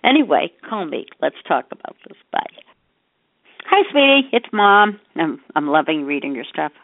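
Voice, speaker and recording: An older woman with a low, creaky, sing-song voice talks at normal speed, leaving casual phone messages for her grown child. She rambles and scatters, often trailing off mid-thought. Recorded over a telephone, the voicemail is muffled and narrow-band, with slight background noise.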